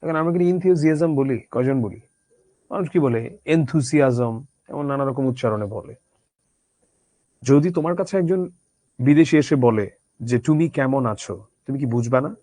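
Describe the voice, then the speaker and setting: A man's voice: medium pitch, animated, moderate pace, long pauses, dark tone, dry recording. Man lecturing, dry and close. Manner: conversational, addresses students directly, rhetorical questions. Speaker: teacher. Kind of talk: Bangla literature lecture.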